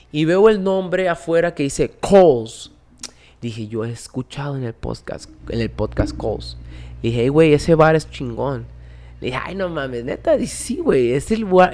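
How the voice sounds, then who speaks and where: Slangy young Mexican man telling a story. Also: on the high side. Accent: Mexican Spanish. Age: 20s. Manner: animated, slangy, swears often, acts out dialogue. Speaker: podcast guest. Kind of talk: casual storytelling chat.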